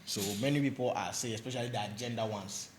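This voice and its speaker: A man giving football predictions as a panelist, quick and repeating his points. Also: medium pitch, slight background noise. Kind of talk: football punditry.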